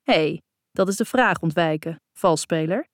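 A woman's voice: fairly low pitch, a little slow, no room sound, clean studio sound, close to an everyday voice. Woman reading as an easygoing young man. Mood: breezy. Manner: light, teasing, breezy.

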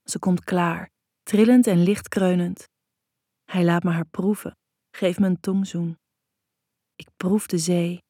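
A woman reading a scripted story in a soft, intimate, unhurried way with a husky voice. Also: fairly low pitch, steady tone, no echo. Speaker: narrator. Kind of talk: scripted erotic story narration.

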